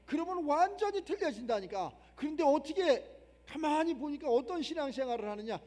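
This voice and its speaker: High-pitched male pastor preaching with insistent repetition; reverberant sanctuary. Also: expressive, brisk, darkish tone. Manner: emphatic, repetitive preaching with rhetorical questions. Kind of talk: sermon. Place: church sanctuary. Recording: long reverb of a church hall.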